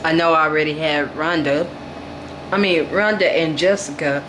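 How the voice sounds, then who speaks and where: A woman vlogger in casual chat, talking slowly, gushing and repeating herself as she coos to her dolls. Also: deep voice. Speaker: vlogger showing her reborn doll nursery. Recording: noisy home recording with air conditioner hum.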